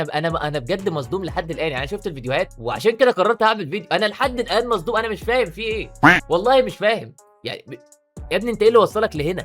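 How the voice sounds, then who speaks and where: A man with an Egyptian accent, talking excitedly in a casual commentary vlog. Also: a little high. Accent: Egyptian Arabic. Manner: excitable, rapid-fire talk. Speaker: YouTuber.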